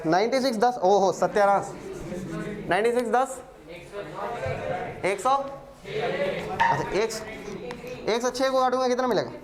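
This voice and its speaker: A man's voice: extremely high pitch, lively intonation, a little slow, pauses often. A male maths teacher giving a classroom lecture, working sums aloud and joking and teasing with his students. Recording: crowd of students audible.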